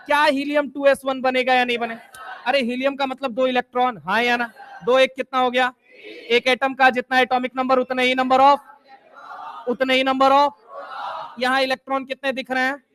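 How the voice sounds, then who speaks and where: High-voiced young male chemistry teacher. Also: completely flat delivery, moderate pace, fairly bright tone, some chatter behind. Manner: repetitive call-and-response questioning; jokey, teasing students. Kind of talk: lively classroom lecture. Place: classroom with students.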